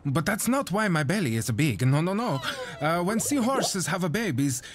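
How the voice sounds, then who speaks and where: A man's voice: a little high, very animated, normal speed. A man voicing a romantic, snack-loving male seahorse in an educational cartoon, polite, chatty and a little hesitant. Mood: chatty, explanatory.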